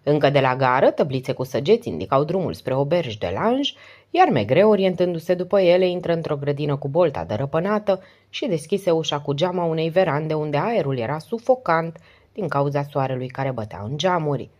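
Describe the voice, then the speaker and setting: A woman narrating an audiobook with a steady, expressive reading. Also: low-pitched.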